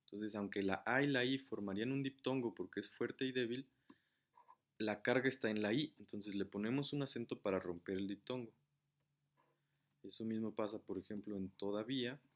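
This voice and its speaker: A man's voice: fairly low pitch, normal speed. Man explaining grammar rules casually. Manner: casual, explains step by step, writes while talking. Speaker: teacher.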